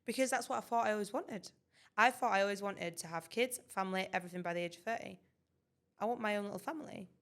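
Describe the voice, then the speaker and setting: A woman's voice: medium pitch, fast talker, fairly bright tone. Co-host: young woman in her twenties, chatty, laughs easily. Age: 20s. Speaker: podcast co-host. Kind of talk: casual chat.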